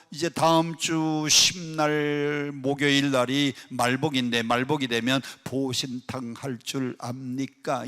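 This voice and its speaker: A pastor preaching a sermon to a congregation in a prayer retreat hall, swinging from loud, pressing peaks to soft asides and often quizzing the listeners with questions. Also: male voice, a little high. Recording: echoey hall with long reverb.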